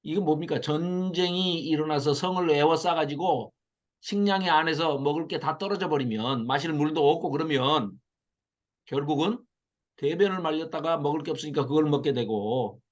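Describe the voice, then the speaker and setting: Middle-aged man, Bible lecture, animated, high-pitched, dull lo-fi sound. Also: moderate pace. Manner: animated, mocks the invaders in acted quotes. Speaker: Bible study teacher. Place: classroom with a small audience.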